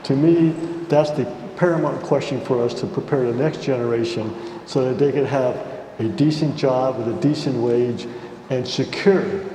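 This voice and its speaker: A man's voice: mid-range voice, mellow. Echoey mature American man on a panel. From United States. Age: middle-aged or older. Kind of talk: unscripted public panel remarks. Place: large reverberant indoor hall. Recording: echoey hall, faint background noise.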